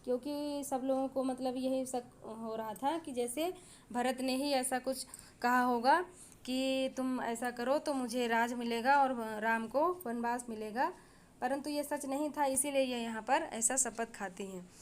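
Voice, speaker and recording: Reading verses from a classic Hindi poem and then restating them simply, a woman teacher explains it line by line, filling her paraphrases with frequent fillers. She speaks unhurriedly in a high voice with fairly even intonation.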